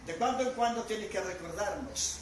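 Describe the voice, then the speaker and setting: An older man preaching a sermon as pastor, swinging between loud bursts and quiet drops. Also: sits high, moderate pace, a little hiss or hum. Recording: echoey hall from far off with music.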